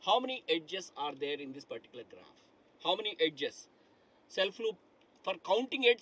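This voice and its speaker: Over poor audio, a middle-aged man with a high-sitting, sharp voice runs a live online lecture in a studio set against a dark digital board. He tends to repeat himself, poses questions to the class and repeatedly calls them "my dear friends."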